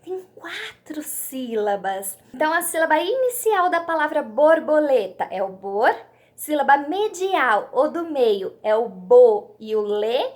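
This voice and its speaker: A woman teacher speaks to young children in a high, bright voice. Her pitch swoops up and down with lively emphasis, and she takes her time, drawing out each syllable so the little ones can follow. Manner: slow, animated, sounds out syllables for young pupils. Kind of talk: children's lesson.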